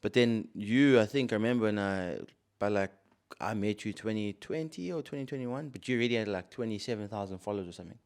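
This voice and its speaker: A man hosting a podcast, asking questions in a relaxed, chatty way. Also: lowish voice, fast talker, few pauses, smooth. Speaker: podcast host. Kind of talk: casual interview chat.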